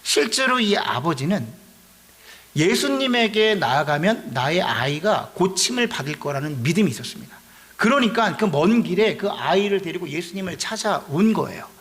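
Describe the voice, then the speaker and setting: A male pastor delivers a sermon in a conversational, explanatory manner. His voice is high and lively in pitch. It carries a gravelly texture throughout. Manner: conversational, explanatory, asks rhetorical questions.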